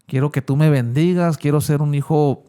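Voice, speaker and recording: Man, slangy personal testimony, slightly high voice. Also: steady tone, moderate pace, mellow, clear, resonant tone. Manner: casual slangy storytelling. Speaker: interview guest.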